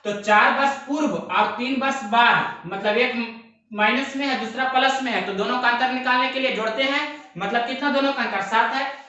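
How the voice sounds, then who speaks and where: Echoey, bright-voiced male math teacher. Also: very high voice, normal speed, highs cut off. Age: young adult. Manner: repetitive, step-by-step explaining with rhetorical questions. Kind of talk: exam-prep math lesson. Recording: very echoey room.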